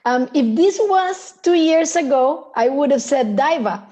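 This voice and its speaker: A woman's voice: high voice, lively intonation, measured pace, dark tone. A woman on a remote video call, speaking as a guest in a casual panel discussion, thoughtful and hesitant, with frequent restarts. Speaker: poker festival founder, panel guest.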